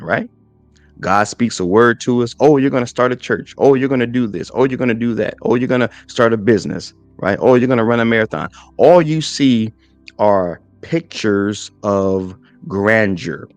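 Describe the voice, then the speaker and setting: A man's voice: medium pitch, no room sound. A man in his forties hosting a podcast, giving a motivational faith talk and often checking in with "right?" as he builds lists. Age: 40s. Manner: repeats "right?" and stacks lists in threes. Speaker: podcast host and minister.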